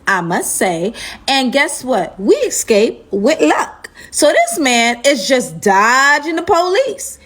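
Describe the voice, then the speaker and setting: Animated woman telling a storytime. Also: mid-range voice, breathy edge. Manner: animated, addresses viewers as y'all, heavy use of "like". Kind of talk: casual storytime vlog.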